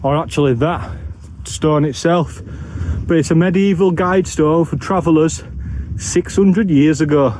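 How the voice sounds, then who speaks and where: High-voiced Bradford man, outdoor noise. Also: a little slow, a little mellow. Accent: Bradford, West Yorkshire. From Bradford, West Yorkshire, England. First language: English. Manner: colloquial, dry, blunt northern dialect. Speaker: solo camping vlogger. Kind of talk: casual walking vlog chat. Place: outdoors on open moorland, walking. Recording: outdoor background noise while walking.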